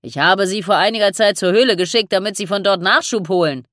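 A woman's voice: medium pitch, fairly quick, a bit bright, no room sound, clean studio sound, pitched above the performer's own voice, natural voice. A woman voicing a male ship captain who calls out to his crew. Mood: commanding. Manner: calling out commands.

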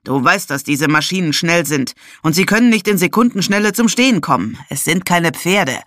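A narrator voicing a brusque young gentleman motorist who snaps and scolds. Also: a little high, expressive, normal speed, dry recording, clean studio sound. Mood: scolding. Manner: gruff, snapping.

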